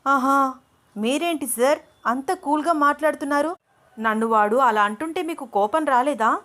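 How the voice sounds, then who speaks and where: A fiery young woman in love bristles with jealousy and snaps back in a high, indignant voice, as a woman narrator puts her on. She speaks sharply in an audio storybook, her pitch pushed up well above the narrator's own. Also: moderate pace, fairly bright tone, natural voice. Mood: jealous angry. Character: young woman, jealous, quick-tempered, lovestruck.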